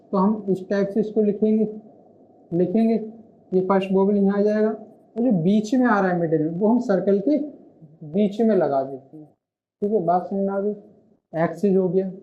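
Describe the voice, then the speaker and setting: A man's voice: high voice, moderate pace, a little hiss or hum. A male shorthand teacher giving an online classroom lesson, explaining patiently and stopping often to ask and answer his own questions. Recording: muffled lo-fi recording.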